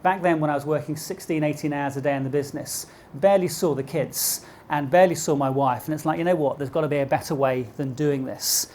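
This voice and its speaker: A middle-aged British man with a posh accent rattles through a motivational business keynote quickly, barely pausing, in a fairly high, darkish voice. He addresses a live audience with rhetorical questions, and a little hiss or hum can be heard.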